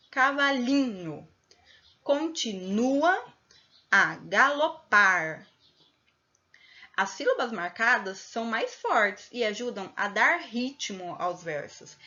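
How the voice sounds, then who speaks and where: A woman's voice: medium pitch, fairly bright tone, muffled recording. A woman teacher with a Brazilian Portuguese accent, explaining a lesson to primary pupils patiently, stretching out stressed syllables and often adding tag questions. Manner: patient, drawn-out stressed syllables, frequent "né?" tags. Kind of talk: recorded remote class explanation.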